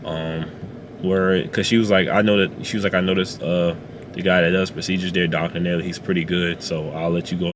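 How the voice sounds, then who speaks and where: A man sharing a personal testimony in a car, speaking haltingly with many fillers and restarts. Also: low-pitched, darkish tone, slight background noise. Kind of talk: emotional personal storytelling. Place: inside a parked car.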